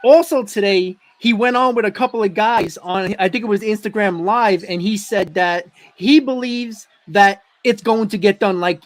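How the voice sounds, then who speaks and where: A man with a high-pitched voice hosts a casual sports fan show. He sounds sick with the flu, his throat froggy and congested. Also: moderate pace, few pauses. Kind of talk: casual baseball fan talk.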